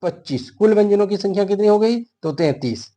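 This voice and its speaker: A man's voice: sits high, animated, fairly quick, warm tone. A man teaching a grammar lesson for an exam, explaining step by step and answering his own questions.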